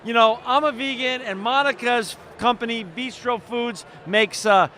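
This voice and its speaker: A man with a high, bright-pitched voice hosts an interview with an upbeat, eager manner. He is recorded at an outdoor festival with faint traffic noise behind him. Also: measured pace. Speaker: radio show host.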